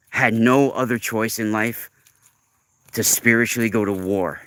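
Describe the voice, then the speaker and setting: In a dry recording, a forties-aged man with a lowish, sharp voice hosts a laid-back livestream monologue. He rambles earnestly and with emphasis.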